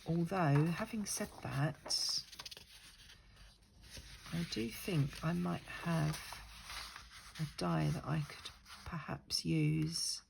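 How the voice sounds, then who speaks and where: An older woman with a deep, creaky voice talks extremely slowly and pauses often as she chats casually over her crafting, stuffy and congested from a lingering cold. Rambling and self-deprecating, she gives a laid-back tutorial at an indoor craft table. An overhead camera above the craft mat records her, with a noisy background.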